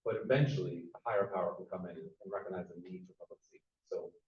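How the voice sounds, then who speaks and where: Hoarse, fast-talking man in a hall. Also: sits low. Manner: rambling, with repeated words. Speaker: resident speaking at a public hearing. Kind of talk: public comment. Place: echoey town meeting hall. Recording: distant, echoey, dull hall recording.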